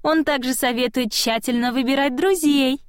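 Woman voicing a tiny spirit, high childlike voice, mocking, dry close sound. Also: moderate pace, clear, resonant tone, dry recording, close to an everyday voice. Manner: mocking, giggling. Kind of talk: audiobook reading.

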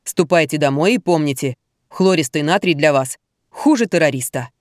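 A woman voicing a calm middle-aged male doctor who explains things slowly and matter-of-factly. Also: low voice, no echo, studio quality, voice pushed down. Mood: instructive.

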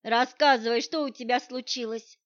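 A caring, firm woman friend, read by a woman narrating a storybook, speaks soothingly yet insistently. Her voice sits a little high, and the audio is dull and lo-fi. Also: fairly even intonation, normal speed, close to an everyday voice. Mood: concerned. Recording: dull lo-fi sound.

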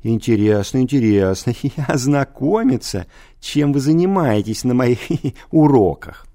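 A man voicing a plump, red-haired, spiteful male schoolteacher who titters with a high laugh through his words, in an audiobook. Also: expressive, normal speed, mellow, natural voice. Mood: mocking giggle.

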